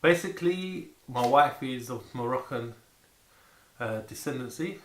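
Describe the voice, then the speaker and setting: A man chatting casually and excitedly to camera about food, rambling and repeating words for emphasis. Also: mid-range voice, measured pace. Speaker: vlogger presenting food to camera. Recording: echoey room with faint background noise.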